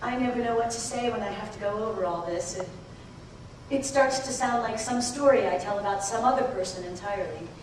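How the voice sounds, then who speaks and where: A woman's voice: medium pitch, fairly quick, a little hiss or hum, close to an everyday voice. Actress as a wry sardonic mother, echoey stage. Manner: dry, self-mocking wit. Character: wry sardonic middle-aged mother in therapy. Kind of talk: stage musical acting and singing. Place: large theater stage. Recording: distant echoey theater bootleg, live band.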